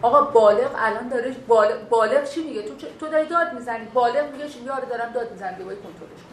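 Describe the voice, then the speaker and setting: A woman teaches a class in a lively, animated way, often slipping into quoted lines of dialogue to make her point. Her voice sits a little high. The room is echoey, with faint background noise. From Bakhtiari heritage. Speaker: instructor. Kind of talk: classroom lecture on communication.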